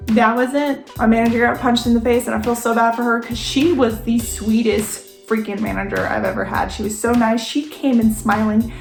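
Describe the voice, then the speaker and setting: Young woman, vlogger, chatty storytelling, fairly high voice, echoey room. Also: normal speed, creaky, hardly any pauses, soft background music. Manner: animated, chatty, lots of "like". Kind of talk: casual storytelling to camera.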